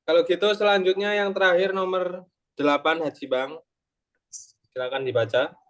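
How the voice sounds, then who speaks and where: Young man, Japanese tutor, patient step-by-step explaining, slightly high voice. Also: steady tone, normal speed, fairly bright tone. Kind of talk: online Japanese lesson explained in Indonesian.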